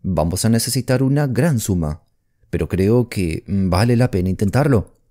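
A man's voice: lowish voice, animated, normal speed, mellow. A man reading an audiobook voices a worried, decisive middle-aged mother who speaks firmly and with emphasis. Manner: urgent, firm, emphatic. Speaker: audiobook narrator voicing a character. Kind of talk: audiobook character voice.

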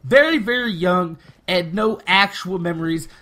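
A man's voice: sits high, normal speed, bright, forceful tone. A man, talking casually and candidly over gameplay, rambling and swearing freely. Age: 20s. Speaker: gaming YouTuber.

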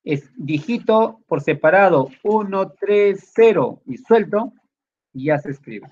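A high-pitched man with a darkish tone speaks slowly yet animatedly while teaching a computer class. He goes step by step, checking in with many short tag questions, in a classroom lesson recorded with dull lo-fi sound.

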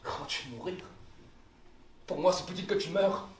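A man plays a despairing young outlaw lover, pouring out rhymed verse with breathy intensity. His fairly high voice rings through a roomy theatre, heard from a distance over a faint hiss. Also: a little slow. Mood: passionate. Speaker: stage actor. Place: theatre stage. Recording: echoey stage, distant mic, faint hiss.

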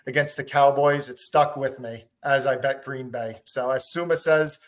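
A man's voice: medium pitch, fairly even intonation, moderate pace. A man on a sports betting panel, talking through his pick with a string of stats, matter-of-fact and joking at times. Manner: stat-heavy, matter-of-fact, joking asides. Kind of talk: casual sports betting analysis.

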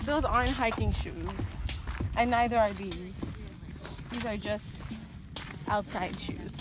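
She takes it slowly this time, her voice at a medium pitch against a noisy background. A fitness vlogger in her twenties, she walks a hillside trail offering fitness tips in a chatty way with many "um" fillers, recorded on a camera carried beside her.

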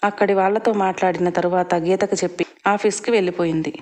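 A woman reading a family story aloud in a steady, scripted storytelling way. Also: lowish voice, fast. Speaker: narrator.

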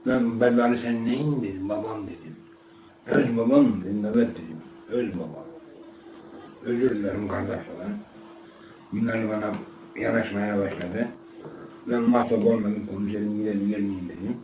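A man's voice: fairly low pitch, normal speed, long pauses, mellow, slight background noise. Older man, interview subject, rambling and repetitive storyteller, recorded from a distance in a roomy space with faint background ambience. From Ardahan, northeastern Turkey. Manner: rambling, acts out quoted dialogue, repeats himself. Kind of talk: casual spoken memoir.

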